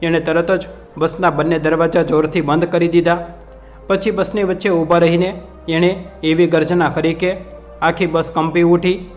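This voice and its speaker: A man's voice: a little high, little pitch movement, moderate pace. A man narrating an emotional story in a dramatic scripted telling. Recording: narration over soft background music.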